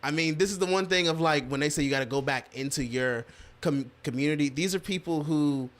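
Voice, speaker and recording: A man with a slightly higher voice co-hosting a laid-back political podcast. He talks emphatically and gets animated, with frequent laughs between points. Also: a little fast. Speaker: podcast co-host. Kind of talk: casual political chat.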